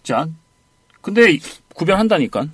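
A man's voice: high-pitched, big pitch swings, husky, dry recording. A man teaching an English conversation lesson, prompting his student with short cues and asking for repeats. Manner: brisk prompting, repeats "one more time". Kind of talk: audio lesson drills.

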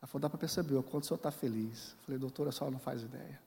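A man's voice: mid-range voice, rapid-fire, creaky, darkish tone. A man in his forties with a Brazilian Portuguese accent, preaching a sermon as a pastor and telling a personal story with acted dialogue and emotional swings. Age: 40s. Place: large church hall. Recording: church hall with long reverb.

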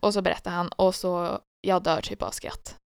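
Gravelly-voiced woman chatting playfully. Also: lowish voice, dry recording, clean studio sound. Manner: playful, ironic, animated storytelling. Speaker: podcast co-host. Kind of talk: casual chat.

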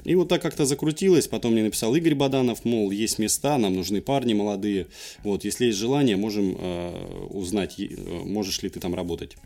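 Lowish-voiced young male interview guest. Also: a little fast, dark tone. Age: young adult. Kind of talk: casual conversational storytelling.

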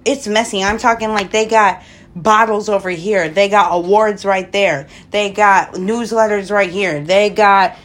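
A woman's voice: medium pitch, fairly even intonation, unhurried, a bit bright. A woman co-hosting a podcast, talking in a casual, blunt, brash way with plenty of swearing. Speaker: podcast co-host. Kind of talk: casual chat.

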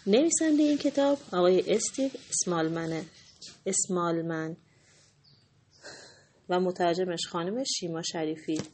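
A woman reading a picture book aloud to children, pausing to explain hard words in a lively way. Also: on the low side, a little hiss or hum. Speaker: storyteller for children.

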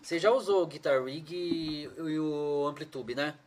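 Man, casual chat, eager, slangy, somewhat high voice, faint noise. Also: normal speed.

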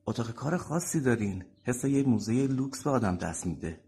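A man's voice: medium pitch, lively intonation, creaky, warm tone, breathy edge. Man voicing an uneasy, questioning man. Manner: hesitant, questioning. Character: uneasy young man summoned for a trip.

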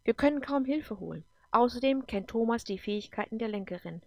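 A woman's voice: on the high side, lively intonation, fairly quick, dry recording, lo-fi sound, pitched above the performer's own voice. A woman voicing an eager, adventurous woman explaining a threat in an audiobook.

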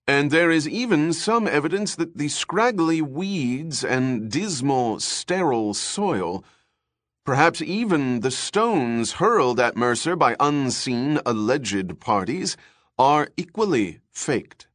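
A man voicing a dry, pedantic male research chief who explains findings on television, slowly and deliberately. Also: a little high, expressive, a bit bright, no room sound, voice pushed up. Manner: slow, deliberate, lecturing. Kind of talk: audiobook character voice.

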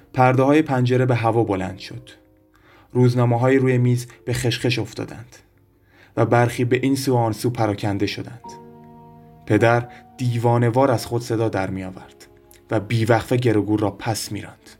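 A male audiobook narrator reads a classic novel in a measured, steady way. His voice sits at an ordinary middle pitch. Soft music plays faintly behind him. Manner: measured, even storytelling reading. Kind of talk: scripted literary narration. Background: soft background music.

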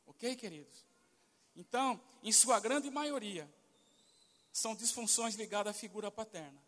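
A man's voice: high-pitched, a little slow, a bit bright, big-room sound. A man with a Brazilian accent, a pastor telling a testimony during a sermon and acting out the dialogue of the people in it. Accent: Brazilian Portuguese. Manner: storytelling, acts out quoted dialogue.

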